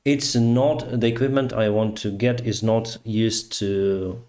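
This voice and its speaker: Hosting a casual live stream, a man with a Ukrainian accent speaks slowly and without hurry in a fairly low, steady, slightly mellow voice. English is a language he picked up later, so he searches for words and fills gaps with many hesitant "um"s and "uh"s.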